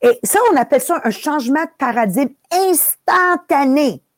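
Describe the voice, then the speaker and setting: Animatrice québécoise, débit motivant, anglicismes. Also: female voice, high-pitched, lively intonation, moderate pace, dry recording. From Italy. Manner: mixes English phrases into French. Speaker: podcast host. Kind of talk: motivational talk. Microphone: live video call.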